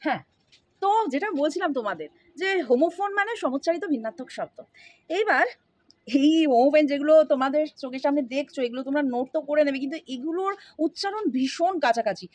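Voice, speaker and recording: Lady teacher, super high voice, chatty, keeps checking "ok?", dead dry close sound. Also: expressive, quick pace, a little mellow, dry recording. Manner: familiar, addresses learners directly with frequent checks. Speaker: spoken English teacher. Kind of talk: casual explanatory lesson.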